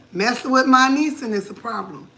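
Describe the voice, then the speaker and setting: Chatty woman host, slow easy talk, crisp bright tone, jokey. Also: a little high. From Connecticut, USA. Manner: chatty, playful, laughs often. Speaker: cooking vlogger. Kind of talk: casual live chat.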